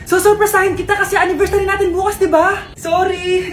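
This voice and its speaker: A woman voicing excitable, melodramatic characters in comedy skits about family squabbles. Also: extremely high pitch, fairly quick, slight background noise. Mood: coaxing. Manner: melodramatic, exclaiming. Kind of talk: exaggerated comedy skit dubbing. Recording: echoey, music behind the voice.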